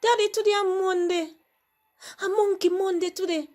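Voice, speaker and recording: A woman's voice: very high voice, fairly even intonation, moderate pace, a little mellow, voice pushed up. A Jamaican-accented woman voicing a fun-loving young male crab in a storybook tale, wheedling and full of excuses. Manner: wheedling, putting things off. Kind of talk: storybook character voice.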